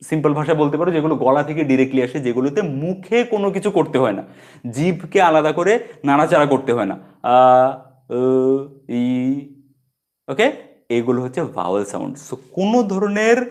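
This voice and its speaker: A man teaching an English grammar lesson in a relaxed, informal way, with a Bengali accent, patiently repeating example words and often checking in with "okay". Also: on the high side.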